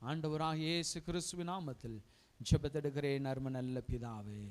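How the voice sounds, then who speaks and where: A man's voice: on the high side, normal speed. A male pastor preaching a fervent sermon and leading prayer, pleading with listeners and repeating his appeals to God.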